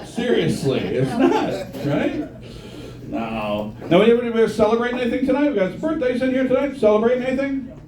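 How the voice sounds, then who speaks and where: A man's voice: extremely high pitch, big pitch swings, moderate pace. A middle-aged man doing a crude, punchy stand-up comedy set and bantering with the crowd in a comedy bar. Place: comedy bar with a live audience. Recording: roomy live club sound from a distance. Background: audience laughing.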